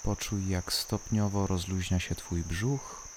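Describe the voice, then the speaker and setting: A calm, soothing voice guiding a body-scan relaxation, unhurried and leaving long pauses between short instructions. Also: low voice, slight background noise. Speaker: guided relaxation narrator. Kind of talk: slow guided body-scan meditation.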